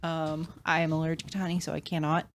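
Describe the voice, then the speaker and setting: A woman who runs a tabletop game talks casually, wandering through her point with plenty of ums. Her voice sits on the lower side for a woman. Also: flat delivery, fast, a little hiss or hum. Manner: rambling with many fillers. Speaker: game master. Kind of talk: casual podcast chat.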